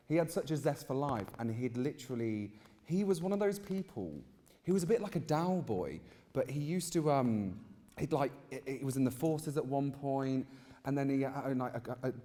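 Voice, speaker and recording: With a warm tone at medium pitch, this young British man in his mid twenties chats campily about his life as an interviewed guest, a drag queen gardener telling stories on stage. The recording has live event sound and the echo of a reverberant hall.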